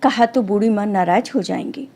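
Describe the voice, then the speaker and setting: A woman calmly narrating a devotional folk story as a storyteller. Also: medium pitch, moderate pace, creaky.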